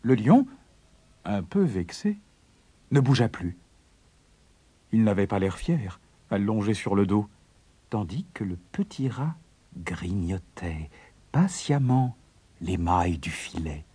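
A man narrating a children's fable in an expressive, animated storytelling manner. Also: fairly low pitch, takes it slowly, pauses often, breathy edge, no room sound.

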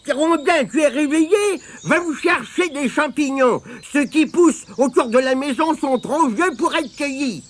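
A man's voice: extremely high pitch, moderate pace, hardly any pauses, voice pushed up. A man voicing a bossy old granny with a piercing, scolding voice in a storybook reading. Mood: nagging.

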